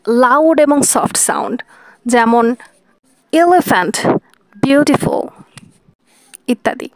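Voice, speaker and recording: A woman teaching a lesson, patiently explaining step by step and slowing down to sound out examples. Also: sits high, no echo. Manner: patient, repeating and spelling out examples slowly.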